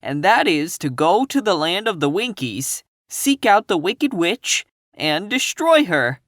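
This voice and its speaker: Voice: mid-range voice, sing-song, measured pace, fairly bright tone, no echo, clean studio sound, voice pushed up. A reader doing the timid, pleading Cowardly Lion. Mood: earnest. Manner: raised, earnest, pleading.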